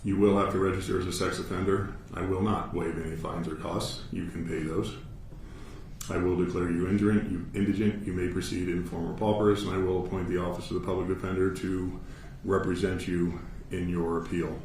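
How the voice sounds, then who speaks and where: A man with an American accent speaking as a judge, giving a formal sentencing statement in a measured, matter-of-fact, authoritative way. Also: deep voice, little pitch movement, a little mellow. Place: courtroom. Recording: echoey room, distant mic, faint noise.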